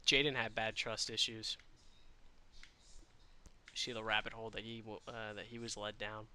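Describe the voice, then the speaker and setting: A man's voice: on the low side, flat delivery, normal speed, bright, forceful tone, smooth. A man chatting casually to his stream audience while playing a game, rambling and swearing freely. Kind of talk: live gaming stream chat.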